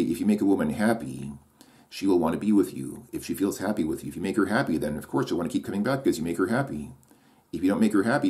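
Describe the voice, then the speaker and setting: His voice deep and dark, a man thinks out loud on his own. He trips into hesitations, starts lines over, and second-guesses himself.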